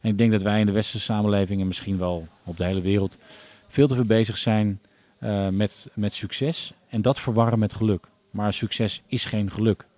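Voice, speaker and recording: A man, a podcast guest talking casually and thoughtfully, often pausing and restarting his sentences. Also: lowish voice, steady tone, a little mellow, dry recording. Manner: thoughtful, many hesitations and restarts.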